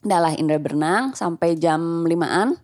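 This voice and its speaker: A woman casually telling a spooky story, acting out the quoted lines with big jumps in pitch. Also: moderate pace. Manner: animated, acts out quotes with big pitch jumps, laughs often. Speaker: storyteller guest.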